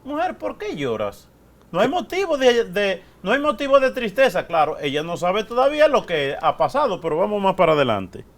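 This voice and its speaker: Lively high-voiced priest teaching scripture. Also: male voice, a little fast, hardly any pauses. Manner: expressive, asks the listeners questions and repeats phrases. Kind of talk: bible teaching sermon.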